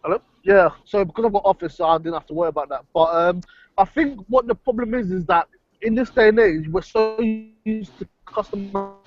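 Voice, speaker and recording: Remote podcast co-host, man, halting delivery, connection breaking up, dull lo-fi audio. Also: high-pitched, soft background music. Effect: online call audio breaking up and dropping out. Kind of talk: casual podcast chat. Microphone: remote call. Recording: lo-fi, dry call audio.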